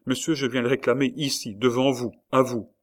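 A man's voice: medium pitch, level tone, brisk, voice pushed up, close to an everyday voice. Brief: man doing a bold young tulip grower, pleading and insistent, audiobook reading.

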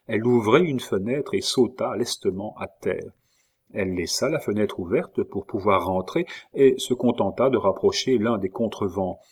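A man reading a novel aloud as an audiobook narrator, with measured, dramatic delivery. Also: on the low side, breathy edge. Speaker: audiobook reader. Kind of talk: scripted narration.

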